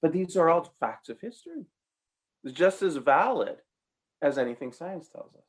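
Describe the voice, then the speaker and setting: A man preaching an apologetics sermon in an emphatic way, his pitch leaping suddenly and his pace speeding up and slowing down. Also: very animated.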